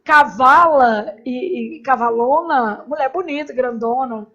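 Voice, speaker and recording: A woman's voice: high voice, takes it slowly, fairly bright tone, highs cut off. A woman teaching a grammar class in a casual, chatty way, with joking asides and constant "né?" tags.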